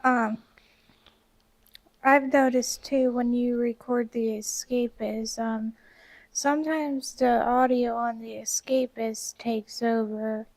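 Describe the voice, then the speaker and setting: Higher voiced lady co-host, slow casual chat, close on a headset mic. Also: steady tone, a little mellow.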